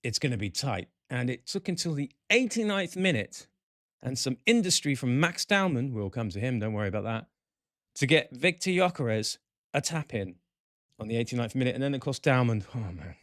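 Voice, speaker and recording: A man hosting a chat show, excitable and talkative. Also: mid-range voice, moderate pace, no room sound, clean studio sound. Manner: excitable, chatty, animated. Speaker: podcast host.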